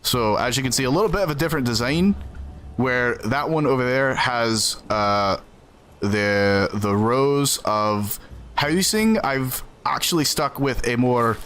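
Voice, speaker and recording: A Southern American man streams a game and chats earnestly with viewers, replying to chat between gameplay moments. His mid-range voice is expressive, a bit bright and a little slow, over soft background music.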